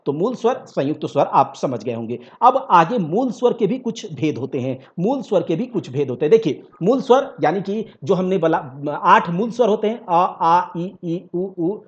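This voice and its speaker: A man's voice: high voice, very animated, normal speed, few pauses. A man teaching an exam-prep grammar lesson, repeating key points and asking the class rhetorical questions. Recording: dull lo-fi recording.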